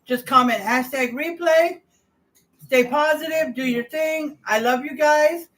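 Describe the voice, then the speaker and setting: A woman's voice: high voice, measured pace, fairly bright tone. A woman casually chatting to viewers as she hosts a live cooking stream from her home kitchen. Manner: chatty, talks straight to viewers. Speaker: home cooking livestream host. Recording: roomy and a bit distant, faint hiss.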